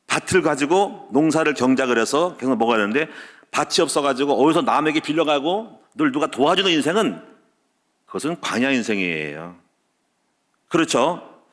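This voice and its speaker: A man preaching a sermon as pastor, stacking short repeated clauses and telling personal stories, with loud peaks and quiet dropped endings. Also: medium pitch. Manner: tells personal stories with laughter. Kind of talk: Wednesday service sermon.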